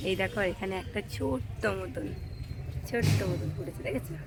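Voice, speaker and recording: A woman's voice: medium pitch, brisk, over music. A woman, chatting homely to her viewers in a casual home vlog, filmed on a phone on her rooftop and around the house. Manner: chatty and homely, fillers like "tho chalo". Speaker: vlogger and mother. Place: home and rooftop, partly outdoors.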